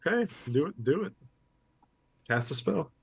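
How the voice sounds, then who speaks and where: A man's voice: a little high, normal speed, creaky, breathy edge, no room sound. Easygoing man running a tabletop game. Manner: relaxed, easygoing rulings and descriptions. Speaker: game master.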